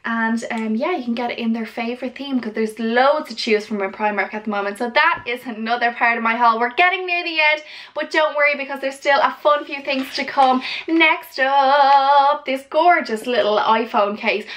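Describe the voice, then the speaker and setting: A young woman presents in a chirpy haul video manner. Her voice sits fairly high, and she gushes with girly enthusiasm as she chats casually to her viewers. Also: moderate pace, fairly bright tone. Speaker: vlogger presenting a shopping haul.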